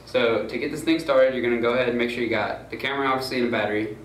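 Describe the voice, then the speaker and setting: A young man speaks very fast in a mid-range voice with fairly even intonation, giving a casual how-to on camera setup as a student crew tutorial presenter. He talks loosely and informally, with many fillers and "gonna go ahead." The recording is noisy and roomy, with the mic far away.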